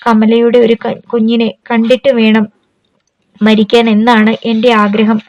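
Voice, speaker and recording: A woman's voice: on the high side, completely flat delivery, measured pace, a little mellow, dry recording, lo-fi sound. A woman voicing a tender, worried older mother who speaks anxiously.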